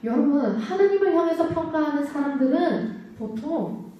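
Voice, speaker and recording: A woman's voice: sits high, lively intonation, normal speed, lo-fi sound. A woman preaching a children's sermon who asks the kids questions and answers them herself. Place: church sanctuary. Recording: echoey church hall, mic at a distance.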